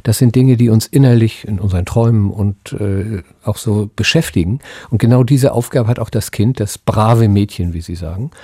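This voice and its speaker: Low, husky man explaining thoughtfully. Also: dark tone, no echo, studio quality. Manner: thoughtful, halting explanation with pauses mid-phrase. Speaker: psychoanalyst and academy president, interview guest. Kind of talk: expert radio interview, spontaneous explanation.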